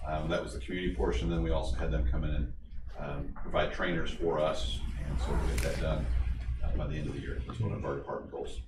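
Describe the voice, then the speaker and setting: A man's voice: extremely low pitch, flat delivery, quick pace. A man giving a matter-of-fact official report at a public meeting. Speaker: police official answering questions. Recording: echoey room, distant mic, clear noise.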